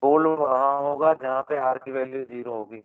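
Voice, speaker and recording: A man's voice: medium pitch, steady tone, normal speed, smooth, no room sound. A male math teacher holding an online class, quizzing students and answering his own questions, his voice crackling and breaking up over a bad connection. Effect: crackling, breaking-up audio from a bad connection. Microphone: online video call. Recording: narrow phone-like online call audio.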